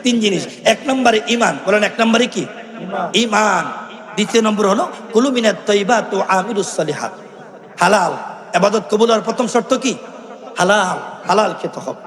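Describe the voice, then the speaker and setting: A man's voice: high-pitched, moderate pace. A man preaching a fervent sermon at an outdoor religious gathering through a stage microphone, calling out to the crowd and breaking into devotional song. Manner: chanting, call-and-response with the crowd, bursts into song. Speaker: Islamic preacher. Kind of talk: impassioned Bengali waz sermon with sung devotional verses. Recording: echoey loudspeaker sound with long reverb.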